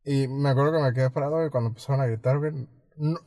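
A Mexican man co-hosting a podcast, his voice mellow and warm. He speaks at a middling pitch and tells his stories loosely, leaning heavily on slang. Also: steady tone, rapid-fire. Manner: rambling, slangy, fills nearly every phrase with "güey". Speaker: podcast co-host. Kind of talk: casual storytelling chat.

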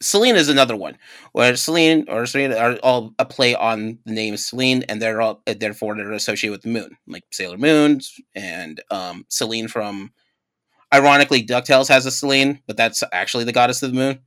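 A man hosting a casual podcast, telling a story in an animated, rambling way with many restarts. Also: medium pitch, brisk, no room sound. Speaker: podcast host.

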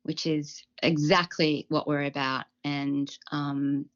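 A woman's voice: sits low, slow pace, lo-fi sound. A woman in her thirties or forties co-hosting a podcast, talking earnestly in a casual chat. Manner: animated, earnest, with ums and restarts. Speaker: podcast co-host, nutritionist.

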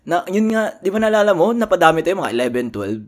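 Very animated and brisk, this high-pitched male co-host banters through a casual podcast in slang-filled Tagalog and English, cursing freely and laughing readily.

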